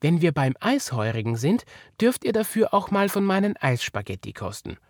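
A man voicing a brave, cheerful little girl in a children's story, with a high, eager childlike voice and an Austrian accent. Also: sing-song, normal speed.

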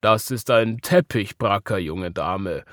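A man's voice: on the low side, takes it slowly, fairly bright tone, no echo, studio quality. A man voicing a kindly, helpful older salesman in a children's story, with an Austrian accent and a friendly explaining manner.

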